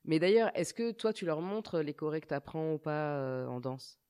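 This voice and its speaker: A woman's voice: low-pitched, expressive, normal speed, mellow, smooth. A woman hosting a casual radio chat, asking her guests many encouraging questions. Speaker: radio host.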